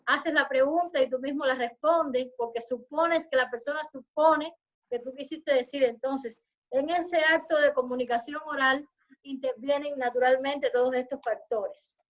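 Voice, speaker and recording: High-voiced woman giving an online lecture. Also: fairly even intonation, lo-fi sound. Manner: measured, explanatory, addresses students formally. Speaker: university lecturer. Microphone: video call.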